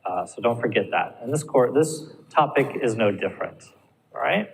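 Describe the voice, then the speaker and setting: A man teaching an English pronunciation lesson in an even, mid-pitched voice, steadily encouraging his students and checking in with them often. The recording carries a long reverb and a faint hum of room noise. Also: moderate pace, vocal fry. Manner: encouraging, checks in with frequent "all right?". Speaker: ESL teacher. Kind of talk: recorded classroom lecture.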